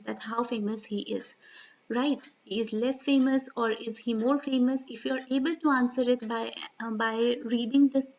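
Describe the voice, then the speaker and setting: A woman with a high voice walks learners through an exam reading strategy, step by step. She keeps checking in with a questioning "right?" as she goes. The recording sounds a little dull and lo-fi. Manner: steady teacherly explaining, frequent "right?" check-ins. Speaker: IELTS tutor.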